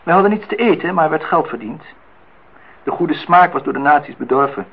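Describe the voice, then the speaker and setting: In a Dutch radio play, an actor voices a well-off man, older and middle-aged, who is nostalgic and dryly teasing, needling and courting the host in formal speech. His voice is fairly high, animated, and brisk. The recording is muffled and phone-like, an old radio sound with slight background noise.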